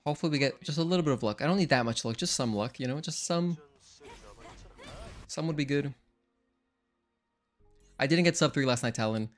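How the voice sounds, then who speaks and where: This young streamer's voice is a little high and brisk, broken by long pauses. He gives casual commentary on his game speedrun, rambling to viewers and frequently correcting himself partway through sentences, while game music plays faintly.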